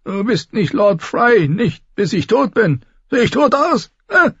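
A man voicing a crotchety, spiteful lord of ninety with a high, cracked cackle, in an audiobook reading. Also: sing-song, measured pace, fairly bright tone, husky, dry recording, dull audio, exaggerated voice. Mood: scornful. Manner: scornful, barking.

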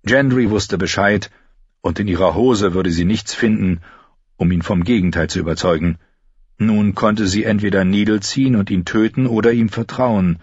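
Husky male audiobook narrator. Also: on the low side, no room sound, dull audio. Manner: steady, measured storytelling.

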